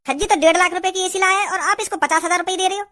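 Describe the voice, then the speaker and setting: Nagging cartoon mom, high-pitched and rapid-fire, bossing her husband around , woman voicing. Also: fairly even intonation, pushed and bright. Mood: bossy. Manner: bossy, nagging. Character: scolding cartoon mother siding with her son. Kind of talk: cartoon voice acting.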